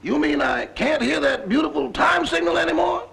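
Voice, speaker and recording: A man playing an impudent, wisecracking servant in gravelly 1940s screwball comedy banter. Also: very high voice, big pitch swings, normal speed, fairly bright tone, exaggerated voice. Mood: cheeky. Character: wisecracking, impudent male servant to a broke boss. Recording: faintly noisy 1940s film soundtrack.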